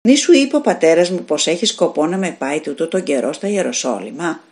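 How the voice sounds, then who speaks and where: A woman's voice: deep voice, expressive, darkish tone. A woman reading a fairy tale aloud, voicing an innocent, curious little village girl who asks eager, wondering questions.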